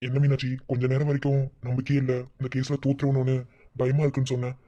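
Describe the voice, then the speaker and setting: A woman voicing a young man who teases his wife and gently comforts his younger sister in a cartoon. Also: rumbling low, level tone, quick pace, lo-fi sound, very noisy. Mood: playful. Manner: playful teasing, gentle comforting. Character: teasing young husband and caring older brother. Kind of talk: cartoon voice acting.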